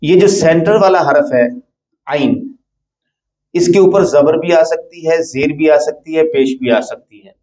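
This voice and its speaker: A man's voice: fairly high pitch, unhurried, darkish tone, reverberant, low-quality recording. A man teaching Arabic grammar in a classroom, patiently repeating and drilling each word pattern for his students.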